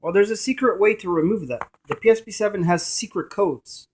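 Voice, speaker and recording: Speaking fairly quickly in a high, darkish voice, this man gives a casual, emphatic, repetitive demonstration of a gadget. Device static and a noisy room color the recording, with radio scanning static behind him.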